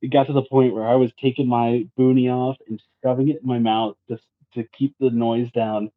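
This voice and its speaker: A man's voice: mid-range voice, level tone, normal speed. Man on a tinny phone-like line. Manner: laughing, easygoing storyteller. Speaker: podcast guest. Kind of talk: casual storytelling.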